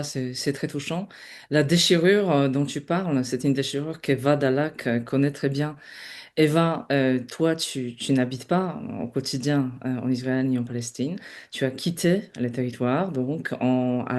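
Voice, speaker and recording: A woman moderating a webinar, introducing the next guest with many pauses and fillers. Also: rumbling low, a little mellow. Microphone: video call.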